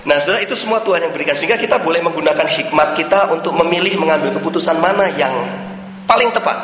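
Animated male preacher in an echoing hall. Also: fairly high pitch, a little hiss or hum. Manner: animated, repeats the address to the congregation, mixes in English phrases. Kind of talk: sermon. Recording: roomy hall with long reverb and faint ambience.

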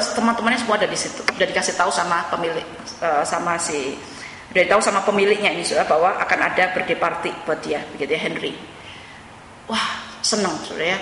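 A pastor tells a story from the pulpit, turning to the congregation again and again. The voice is bright and forceful. It rings through a roomy church hall with a long reverb. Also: mid-range voice, a little hiss or hum. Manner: addresses the congregation again and again, mixes in English words. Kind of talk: sermon storytelling.

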